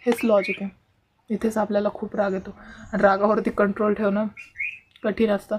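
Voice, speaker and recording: A woman's voice: medium pitch, flat delivery, brisk, noisy background. A teenage girl hosting a casual advice vlog, earnest and lecturing, speaking straight to her viewers. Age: teens. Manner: earnest, lecturing, keeps addressing viewers directly. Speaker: vlogger host.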